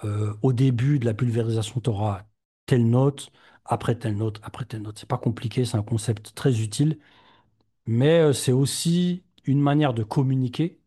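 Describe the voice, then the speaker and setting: A man hosts a podcast in an easygoing chat. His voice is mellow and a little husky. He pauses often and fills the gaps as he goes. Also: mid-range voice. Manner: relaxed, hesitant with many fillers. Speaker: podcast host. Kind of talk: casual chat.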